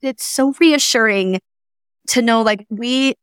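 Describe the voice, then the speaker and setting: Slow-talking female host. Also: a little high, fairly bright tone, clean tone, no room sound, clean studio sound. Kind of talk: casual interview chat.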